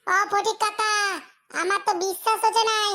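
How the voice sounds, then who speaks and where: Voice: extremely high pitch, little pitch movement, normal speed, bright, forceful tone, slight background noise. A performer playing a cheeky young male student awaiting exam results.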